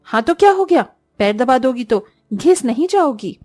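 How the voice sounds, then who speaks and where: A harsh, commanding sister-in-law, put on by a woman storyteller, barking orders in a high, sharp voice. The recording is close and dry, with no room sound. It suits an animated family storybook. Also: normal speed, no room sound. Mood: scolding. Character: bossy domineering young sister-in-law, scolding.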